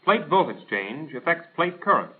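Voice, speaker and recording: This American man's voice sits a little high and is very animated, moving at a normal speed as he reads a scripted instructional narration. The delivery is formal, precise and didactic, styled after a 1940s military training film, over a tinny, band-limited 1940s soundtrack.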